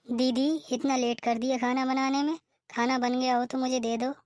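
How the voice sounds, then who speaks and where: A woman's voice: high-pitched, little pitch movement, normal speed, darkish tone, no echo, clean studio sound, close to an everyday voice. A woman voicing a cheeky, defiant younger sister-in-law in a cartoon, talking back sharply. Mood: demanding. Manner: sassy, retorting. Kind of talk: cartoon voice acting.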